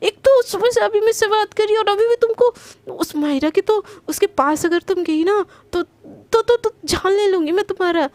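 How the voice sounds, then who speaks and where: A woman voicing a jealous, hot-tempered young woman in love, scolding fast and stammering when flustered. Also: very high-pitched, a little mellow, no room sound, pitched above the performer's own voice. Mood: jealous angry.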